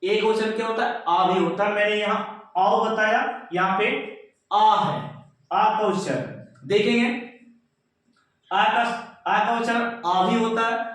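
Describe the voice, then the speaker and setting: Echoey, high-voiced Indian man drilling words. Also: fairly bright tone. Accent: Indian English. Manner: repetitive call-and-response drilling, asks and answers himself. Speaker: English pronunciation teacher. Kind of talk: classroom-style pronunciation lesson. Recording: very echoey room, voice from a distance.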